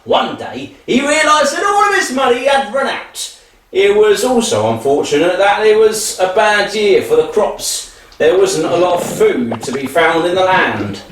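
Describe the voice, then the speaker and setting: A man presenting a children's worship show, telling a story in an animated, playful way. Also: high-pitched, a little slow, a little hiss or hum. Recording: echoey room from a distance with faint music.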